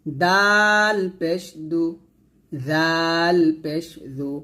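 Speaking very slowly in a pushed, bright voice on the high side, a man with a Bangladeshi accent gives a spelled-out Quran recitation lesson. He spells each Arabic letter with its vowel mark, then blends the syllables into words.

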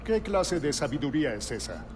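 A very old god king from a video game, sly and menacing. His voice sits slightly high and moves widely in pitch as he bargains in measured, pointed phrases. There is clear noise behind him. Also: big pitch swings. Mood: mocking, sly. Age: older. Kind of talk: dramatic video game cutscene acting.

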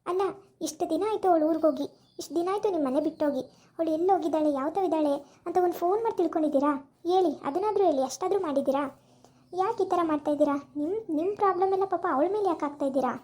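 A woman's voice: extremely high pitch, rapid-fire, darkish tone. A woman playing a caring young wife who scolds and presses a friend to make peace, asking question after question, in an amateur village drama. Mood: earnest.

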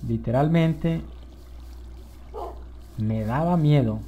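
A young man giving excited, rambling commentary over a survival game, often calling out to his viewers. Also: on the high side, extremely slow, dull audio, a little hiss or hum. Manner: enthusiastic, easily excited, addresses viewers as "señores". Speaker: gameplay video host. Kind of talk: live gameplay commentary.

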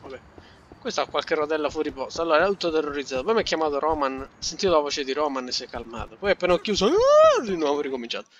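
A man's voice: on the high side, racing, dull audio, a little hiss or hum. A man casually commenting on his gameplay, joking and talking back to the characters on screen. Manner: joking, talks to the game characters, lively exclamations. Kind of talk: casual let's play commentary. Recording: game music loud behind. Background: loud game music and vehicle sounds.

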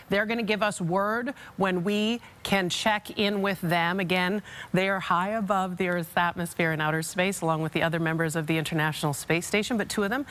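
Bright-voiced American woman anchoring live news. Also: mid-range voice. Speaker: television morning news anchor. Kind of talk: live broadcast interviewing. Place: TV news studio. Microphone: lapel.

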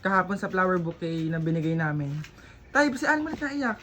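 Woman vlogger, casual family chat, teasing tone, sharp bright sound. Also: lowish voice, big pitch swings, fairly quick, a little hiss or hum. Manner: teasing, playful, talks to viewers.

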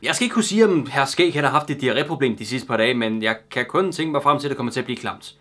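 A man's voice: medium pitch, expressive, sharp tone. A man giving crude, sarcastic comic commentary while reading a children's book aloud as a YouTuber.

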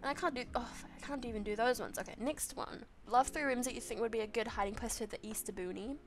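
High, giggly young New woman gamer. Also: fast. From New Zealand. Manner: chatty, giggly, excitable. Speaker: gaming channel host. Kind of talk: casual let's-play commentary.

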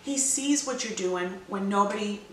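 A woman's voice: mid-range voice, normal speed, distant mic, slight background noise. A woman giving a casual, chatty devotional talk, rambling with fillers and restarts. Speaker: devotional vlogger. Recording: roomy echo from away from mic.

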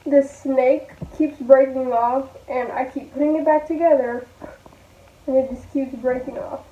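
Young woman, casual packing vlog, chatty, high voice, tinny phone sound. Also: fairly even intonation, a little slow, roomy sound. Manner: chatty, thinking aloud while packing clothes. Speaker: vlogger. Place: small bedroom indoors. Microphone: phone camera set low on the floor.

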